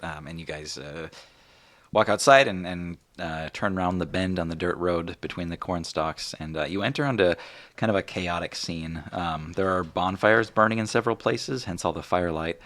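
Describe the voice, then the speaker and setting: Game master, male, low and bright, relaxed chatty narration with lots of ums. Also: moderate pace. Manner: casual, many fillers.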